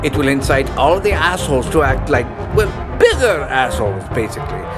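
A man's voice: mid-range voice, sing-song, music in the background, natural voice. A man playing a fussy, mildly evil doctor and shopkeeper, theatrical and pompous, in a comic audio drama. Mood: conspiratorial. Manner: pompous, florid, dramatic drawn-out delivery. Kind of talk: comic horror-host audio drama monologue.

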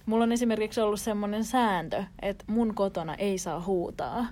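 A young woman speaking in a relaxed podcast conversation. She talks candidly and a bit haltingly, often restarting her sentences. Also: medium pitch. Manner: hesitant, candid, self-conscious. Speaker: podcast co-host. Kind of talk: casual chat.

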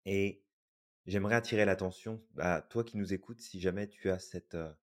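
A man's voice: deep voice, normal speed. A man co-hosting a podcast, talking things through in a thoughtful, hesitant way. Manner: thoughtful, hesitant, many fillers and restarts. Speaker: podcast co-host. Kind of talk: reflective podcast talk.

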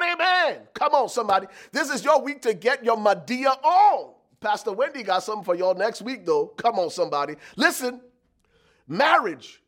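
A man's voice: high-pitched, a bit bright. A middle-aged man from Liberia, preaching a sermon as pastor with emphatic, repeated lines and calls to the congregation.

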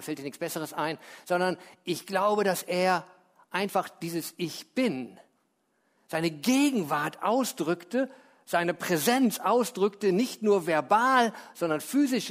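A man preaching a sermon as pastor, chatty and conversational, slowing and dropping low when he quotes scripture. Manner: lively, conversational preaching with tag questions.

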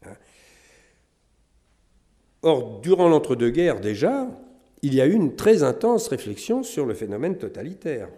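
Hesitant lecturing man, mellow voice. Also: medium pitch, big pitch swings. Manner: measured, many hesitations with euh and hein. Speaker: historian lecturer. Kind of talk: academic lecture.

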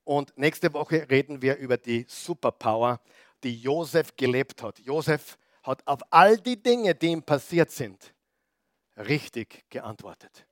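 A man preaching a sermon, throwing rhetorical questions at the congregation and swinging between loud emphatic bursts and quiet asides. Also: mid-range voice, lively intonation, unhurried, no echo, studio quality. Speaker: pastor.

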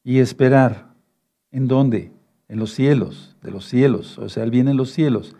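A male preacher giving a fatherly sermon, reading scripture verses slowly and often checking in with his listeners. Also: medium pitch, dark tone, slightly rough. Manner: fatherly, repeats "no, no, no" and asks "¿sí?"; reads verses slowly and rereads them.

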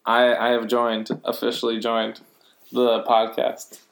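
A man's voice: mid-range voice, completely flat delivery, measured pace, creaky, low-quality recording. Giggly bewildered male co-host. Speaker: podcast co-host. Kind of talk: improvised comedy podcast.

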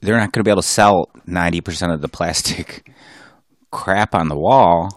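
A man co-hosting a casual podcast chat about diving, joking and playful, his loudness swinging between bursts and mumbles. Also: low-pitched, normal speed, dry recording, studio quality. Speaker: podcast co-host.

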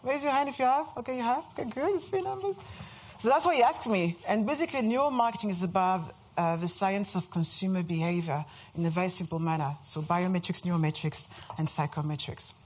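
In a mid-range, darkish voice at a quick pace, a French woman in her thirties pokes fun at herself while chatting through a lively presentation. Originally from France and speaking with a French accent, she's in an event room before a live audience, and a bit of hiss or hum can be heard.

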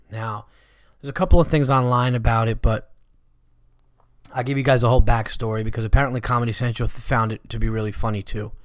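Male podcast host, comic type: stuffy-nosed allergy voice, mid pitch, dry close sound, loose casual rambling. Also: dry recording. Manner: rambling, conversational, swearing freely. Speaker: stand-up comedian hosting a podcast.

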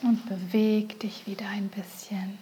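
A woman leading a guided meditation, speaking softly and often in a whisper. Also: mid-range voice, little pitch movement, slight background noise. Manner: slow, soft, often whispered.

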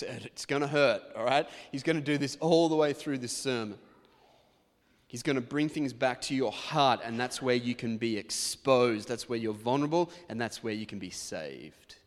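A male pastor preaching a sermon in a conversational, self-deprecating way, with quick asides to the congregation. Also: medium pitch, long reverb tail. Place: church.

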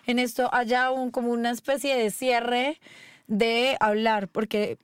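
A woman's voice: on the high side, fairly even intonation, unhurried, smooth, no echo, studio quality. A woman co-host chatting casually and explaining her points with emphasis in a conversational way.

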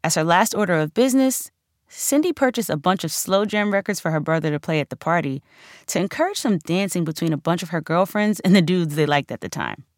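Reading her own nonfiction audiobook from a script, this woman speaks briskly and expressively in a lowish voice. The recording is dry and close-miked, and her delivery is conversational and emphatic, like telling a story.

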